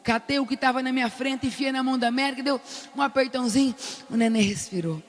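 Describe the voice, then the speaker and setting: An older woman with a Brazilian accent giving an animated testimony at a prayer meeting, acting out the lines she quotes. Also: high voice, fast talker, in a large hall. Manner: animated storyteller who loudly acts out the quoted lines. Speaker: prayer group speaker. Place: large cathedral.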